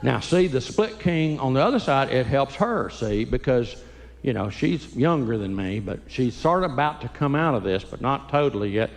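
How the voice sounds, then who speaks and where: A man's voice: medium pitch, lively intonation, normal speed, creaky, big-room sound. An older man doing stand-up comedy in a church, folksy, teasing the audience and acting out quotes. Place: church sanctuary.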